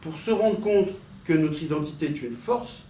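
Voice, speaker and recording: A man's voice: on the high side, moderate pace, dark tone. A man leading a group discussion, pressing the others with probing questions. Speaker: discussion moderator. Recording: echoey room with faint noise.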